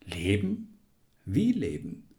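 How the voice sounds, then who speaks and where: A man's voice: lowish voice, huge pitch swings, takes it slowly, full character voice. A man voicing the anguished inner monologue of a dying middle-aged official in a dramatic reading. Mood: despairing.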